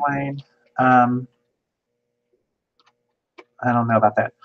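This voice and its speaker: Brisk auctioneer calling bids, muffled. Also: mid-range voice, fairly even intonation. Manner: brisk, runs through bids quickly.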